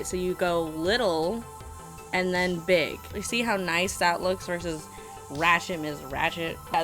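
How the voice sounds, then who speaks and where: A woman's voice: on the low side, fairly bright tone. Sassy, blunt woman vlogging about makeup. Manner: sassy, blunt, sweary, self-mocking. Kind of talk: casual reaction and tutorial chat. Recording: music playing behind the voice.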